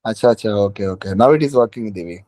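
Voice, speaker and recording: A man's voice: fairly low pitch, lively intonation, rapid-fire, mellow, no room sound, studio quality. A man with a South Indian accent teaching an informal online class, often repeating phrases and checking that students follow. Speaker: teacher of a current affairs exam class.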